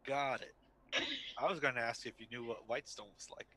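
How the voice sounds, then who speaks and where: A man's voice: medium pitch, fairly even intonation, brisk, pushed and bright, no room sound. A man at a tabletop game, talking in character in a friendly, easygoing way. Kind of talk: casual in-character chat.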